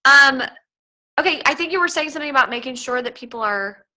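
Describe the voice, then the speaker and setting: A woman's voice: sits high, expressive, fast, bright, forceful tone, poor audio. A woman chatting as a guest on a video call, talking with lots of fillers and restarts, gushing and effusive. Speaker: featured guest answering team questions. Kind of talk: casual chat on a video call.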